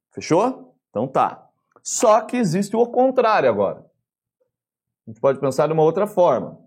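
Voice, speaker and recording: Husky-voiced Brazilian man teaching grammar. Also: on the high side. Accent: Brazilian Portuguese. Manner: lively, chatty, asks the class questions. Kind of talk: online grammar lesson.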